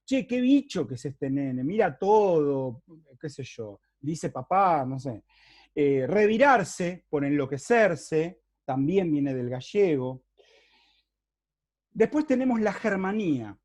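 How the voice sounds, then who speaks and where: A man's voice: a little high, a little mellow. A man with a Rioplatense Spanish accent giving a university lecture, explaining patiently and checking often that his listeners follow. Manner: explanatory, checks understanding with frequent rhetorical tags; unhurried, with hesitant fillers and restarts.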